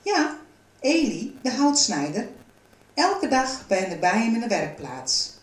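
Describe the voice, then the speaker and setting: A woman's voice: fairly high pitch, sing-song, takes it slowly, pitched above the performer's own voice. A woman doing a breezy, cheerful wooden girl. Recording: roomy, from a distance.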